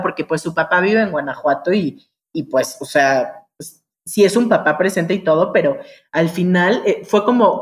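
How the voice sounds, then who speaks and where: A woman with a Mexican accent, a mother, talking as a guest in a casual conversation, lively and storytelling, insisting things are true. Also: medium pitch. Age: adult mother. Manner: animated, storytelling, keeps swearing it's true.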